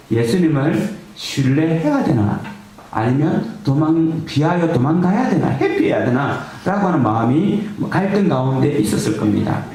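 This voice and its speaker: A man's voice: a little high, mellow. A male pastor preaching a sermon in a conversational way, asking his congregation rhetorical questions. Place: church sanctuary. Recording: echoey church hall, faint noise.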